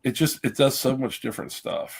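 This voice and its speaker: A man's voice: medium pitch, fairly quick, slightly rough. A man in his forties in casual podcast chat over a video call, enthusiastic and talkative. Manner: animated, enthusiastic about snake genetics.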